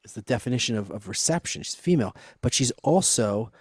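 A man's voice: medium pitch, animated, fast talker, a little mellow, breathy edge, dry recording. A man hosting an interview, guiding the talk and asking probing, eager questions. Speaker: host.

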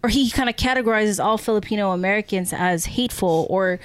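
A woman co-hosting a podcast tells stories in a casual, reflective way, often checking in with the listener with "you know" and "right?". Her mid-range voice is smooth and fast, with no room sound.

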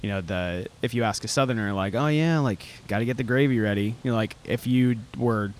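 Hosting a casual chat, a man from Florida rambles and scatters "like" and "you know" throughout his talk. He speaks briskly in a medium-pitched voice, with background noise audible in the clear recording.

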